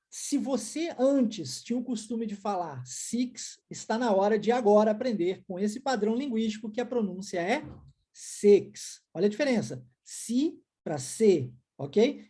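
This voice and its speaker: Male online tutor, Brazilian accent, mellow tone, repeats words slowly, lively. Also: high-pitched. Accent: Brazilian Portuguese. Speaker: English teacher. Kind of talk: online language lesson.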